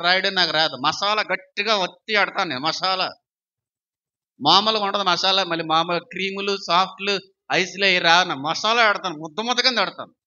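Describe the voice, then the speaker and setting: High, forceful man preaching a sermon. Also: dull audio. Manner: preaching with repeated rhetorical questions. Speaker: pastor.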